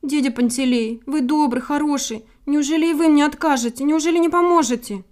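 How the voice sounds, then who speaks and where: A woman's voice: high voice, a little slow, a little mellow, voice pushed up. A woman voicing a tiny, anxious little female titmouse in a storybook reading, breathless and pleading.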